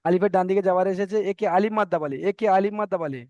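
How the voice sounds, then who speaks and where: A man's voice: high-pitched, rapid-fire, a little mellow, no room sound. A man teaching Quran reading in an online class, patiently repeating rules and correcting his students. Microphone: video call. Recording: dull dry online call audio.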